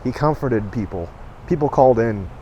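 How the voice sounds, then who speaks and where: A man's voice: medium pitch, animated, moderate pace, warm tone, lo-fi sound. Rambling middle-aged man, faint background noise. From Southern California. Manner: rambling, many fillers and self-corrections. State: emotional, choking up. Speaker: vlogger. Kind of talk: personal storytelling to camera.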